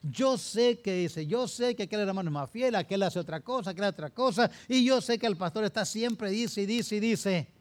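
A man putting on a high, mocking voice to play a self-satisfied churchgoer making excuses. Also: moderate pace, few pauses, natural voice.

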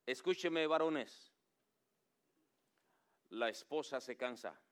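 A pastor preaching a sermon, swinging between raised pleading and hushed, low endings. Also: male voice, slow pace, clear, resonant tone. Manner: preaching with dramatic drops to a low hush; acts out pleading quotes in a raised voice.

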